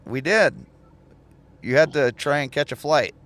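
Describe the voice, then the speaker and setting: A man's voice: a little high, measured pace, fairly bright tone, no echo. A man hosting a casual livestream, chatty and laughing often as he reads viewer comments aloud. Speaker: livestream host and truck driver trainer.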